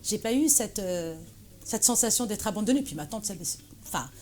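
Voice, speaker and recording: A woman's voice: medium pitch, animated, normal speed, mellow. A woman from Morocco, a guest chatting in an interview with many fillers and restarts. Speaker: guest, association president. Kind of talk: casual interview conversation.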